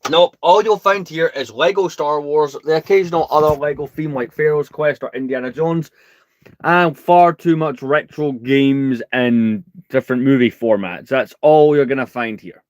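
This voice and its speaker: A British man hosts a casual livestream, speaking in a calm, soothing voice and rambling chattily with a self-deprecating streak. His voice is a little high, and he talks at a moderate pace.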